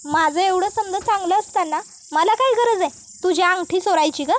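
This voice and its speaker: A woman's voice: very high voice, normal speed. A woman voicing a proud, bitter older village matriarch who scolds defiantly in rustic speech.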